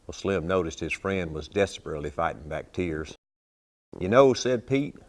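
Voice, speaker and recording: Deep-voiced older cowboy poet with a drawl. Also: male voice. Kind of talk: storytelling poetry recitation.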